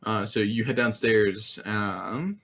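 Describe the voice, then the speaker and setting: A man's voice: on the low side, slow pace, a bit bright. A man narrating as game master of a tabletop game, hesitant with frequent ums. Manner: hesitant, many ums and uhs.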